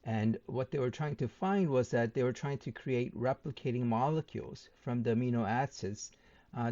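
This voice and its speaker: A man's voice: medium pitch, darkish tone. A man picks apart a debate opponent's claims point by point, speaking steadily with plenty of ums and uhs. His voice sits mid-range. The recording is a bit dull and lo-fi. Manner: measured, with many filler ums and uhs. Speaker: channel host responding to a debate. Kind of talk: point-by-point rebuttal commentary.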